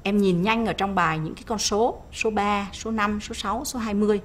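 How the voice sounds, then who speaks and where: A woman with a Vietnamese accent, teaching English vocabulary on an educational TV lesson, saying English words slowly and clearly and explaining them more quickly. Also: medium pitch, fairly even intonation. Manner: slow clear English drills, quicker asides. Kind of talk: bilingual classroom lesson on TV.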